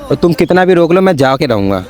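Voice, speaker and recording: Young man pleading in a mellow voice. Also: a little high, big pitch swings, fast talker, faint music behind. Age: young adult. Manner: pleading, coaxing, repeating words. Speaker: prank vlogger. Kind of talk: casual prank vlog argument.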